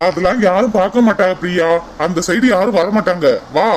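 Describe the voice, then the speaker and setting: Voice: medium pitch, fairly quick, slight background noise, lightly acted, low-quality recording. A voice actor playing an earnest young man coaxing his sweetheart in a cartoon. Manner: coaxing, keeps repeating her name. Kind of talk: cartoon voice acting.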